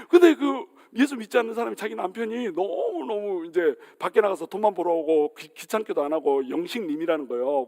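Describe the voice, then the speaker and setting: A man with a fairly high voice preaches a sermon in a church hall with a long reverb. He tells funny stories and acts out their characters, now and then asking the congregation direct questions. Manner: humorous storytelling, acting out quoted voices, asking the congregation questions. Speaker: pastor.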